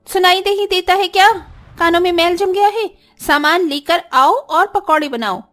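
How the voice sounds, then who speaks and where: A woman's voice: extremely high pitch, normal speed, a bit bright, soft background music, voice pushed up. A woman voicing a spiteful, arrogant young sister-in-law in a cartoon story, talking in a sneering, taunting way. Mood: bossy.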